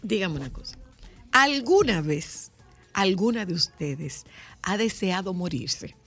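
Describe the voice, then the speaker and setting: A woman's voice: on the low side, lively intonation, slow pace, a bit bright, slightly rough, faint music behind. A middle-aged woman from the Dominican Republic chatting casually as a co-host, laughing often and acting out her mother's sayings. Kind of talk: casual chat.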